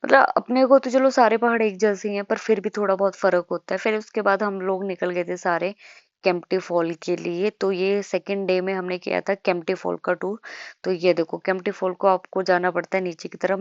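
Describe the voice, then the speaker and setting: A woman's voice: fairly low pitch, no echo. Young female vlogger from India, chatty and self-mocking; dry, dull lo-fi voice-over. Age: young adult. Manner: chatty, self-mocking, addresses viewers as guys. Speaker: travel vlogger. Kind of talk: casual vlog narration.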